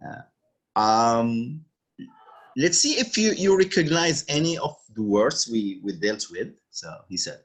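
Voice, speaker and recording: A man from Morocco with a Moroccan accent tutoring French over a video call, patiently repeating words slowly. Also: mid-range voice, very animated, slightly rough. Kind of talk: online one-on-one language lesson.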